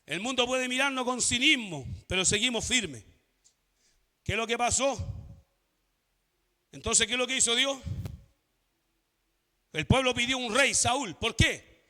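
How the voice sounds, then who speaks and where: A man preaches with fervor as pastor, his voice sitting very high and sharply bright. He often swells into shouting. The sound rings out with a long church-hall reverb. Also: lively intonation, unhurried, pauses often. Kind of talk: sermon.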